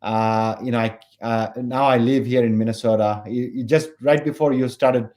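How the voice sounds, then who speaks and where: A man in his forties, originally from Bangladesh, answering as a founder on a podcast in a measured way with many fillers. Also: medium pitch, steady tone, a little mellow. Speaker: company founder and CEO, guest. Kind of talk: podcast interview.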